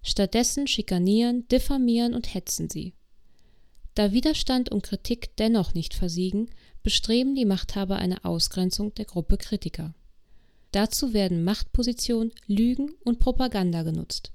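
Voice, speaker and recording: A woman reads out accusing, rhetorical commentary in a gravelly voice. The recording is dry and close. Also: mid-range voice, normal speed, a little mellow, no echo. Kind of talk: read-out commentary.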